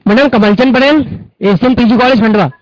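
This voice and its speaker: Very high-voiced male student, dry line. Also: normal speed, dry recording, muffled recording. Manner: stumbles over names, repeats himself. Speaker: student caller.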